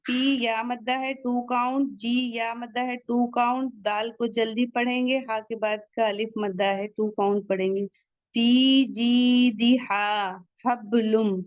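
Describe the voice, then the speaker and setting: A woman teaching the rules of Quran recitation, slowly sounding out each word and then explaining how to pronounce it. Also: a little high, little pitch movement, darkish tone, dry recording, highs cut off. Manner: slow, deliberate, drawn-out recitation of each word.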